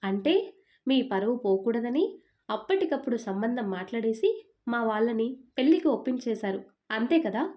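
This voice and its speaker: A woman's voice: a little high, lively intonation, normal speed, dark tone, close to an everyday voice. A woman voicing a stubborn, suspicious young woman who fires off accusing questions.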